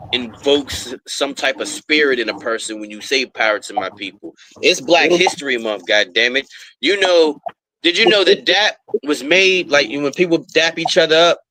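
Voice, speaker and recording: A man's voice: mid-range voice, background noise. A man, a rapper, chatting as an interview guest and telling long stories with plenty of fillers and restarts. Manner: rambling storyteller with many fillers. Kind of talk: casual interview chat.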